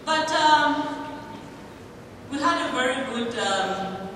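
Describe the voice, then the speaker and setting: A woman's voice: high-pitched, animated, slow pace, fairly bright tone, slight background noise. A woman from Zambia in her thirties, candidly telling an audience about a project that struggled, with rhetorical questions. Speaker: development project coordinator speaking at a public event. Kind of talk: personal talk to an audience. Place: large hall with an audience. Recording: echoey hall, speaker far from the mic.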